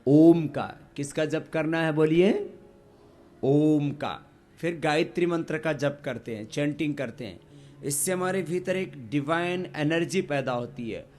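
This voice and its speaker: A man teaching a yoga class, leading slow chants and having the group repeat after him. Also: a little high, darkish tone. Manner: slow, drawn-out chanting and call-and-response teaching. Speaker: yoga instructor.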